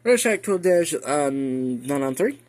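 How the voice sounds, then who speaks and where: Pitched on the high side, his slightly mellow voice has lively intonation and a measured pace. The American hobbyist runs a casual show-and-tell vlog indoors at home, folksy and rambling, with asides muttered to himself.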